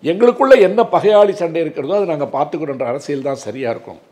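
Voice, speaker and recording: A man's voice: a little high, sing-song, fast, mellow. A man in his sixties, an advocate, speaking earnestly and emphatically in an interview, with a lot of filler words. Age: 60s.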